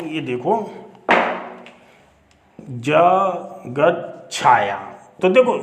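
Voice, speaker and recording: A man's voice: high-pitched, reverberant. A man teaching Hindi grammar, explaining step by step, repeating words and asking rhetorical questions. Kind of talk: classroom lesson.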